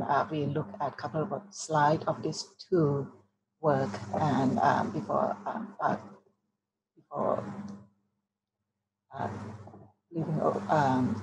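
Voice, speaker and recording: A woman in her sixties with a Thai accent gives a halting online artist talk, searching for words. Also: low-pitched. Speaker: artist presenting her work. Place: small book-lined room at home. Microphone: computer mic on video call. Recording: noisy home video-call microphone.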